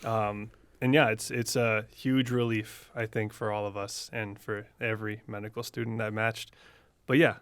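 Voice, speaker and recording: A young adult man co-hosting a podcast, recapping events in a relaxed, easygoing way with easy laughter. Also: fairly low pitch, normal speed, clean tone, dry recording. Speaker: podcast co-host. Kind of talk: casual podcast chat.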